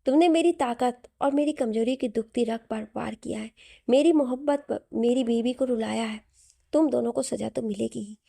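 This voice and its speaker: Brief: tender, protective young husband, read by a woman, soft coaxing voice, slightly high and mellow. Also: normal speed, vocal fry, dry recording, clean studio sound. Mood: angry. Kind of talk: audio story reading.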